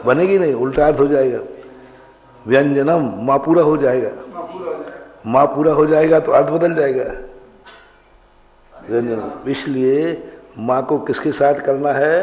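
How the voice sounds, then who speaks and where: A man teaching a class in an unhurried, deliberate way, asking his listeners questions and often answering them himself. He draws words out to show how they should be said, and his voice rings with the long reverb of a large hall through dull, muffled broadcast audio. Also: medium pitch, a little mellow. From India. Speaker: monk teaching Sanskrit grammar. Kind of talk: classroom lecture.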